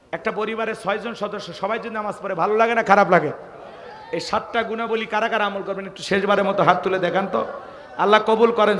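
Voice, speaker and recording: A man's voice: high voice, sharp tone, in a large hall. A man from Bangladesh preaching a waz sermon, rousing the crowd and calling on them to answer and say amen.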